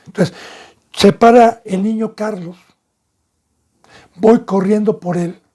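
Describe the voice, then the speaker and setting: A man's voice: sits high, steady tone, takes it slowly. A man, a pastor giving an emphatic sermon that leans into vivid storytelling. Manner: emphatic preaching, acting out shouted scenes.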